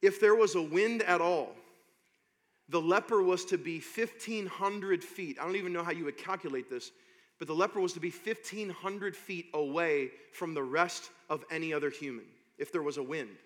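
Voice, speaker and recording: A man preaching a sermon as pastor, reading scripture slowly and building to loud, impassioned preaching. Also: on the high side. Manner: reads scripture slowly and deliberately. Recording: long hall reverb.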